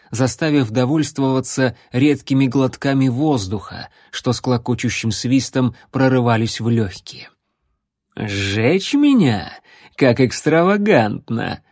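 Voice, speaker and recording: A man narrating a fantasy audiobook in an even, deliberate reading voice. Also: medium pitch, no room sound, studio quality.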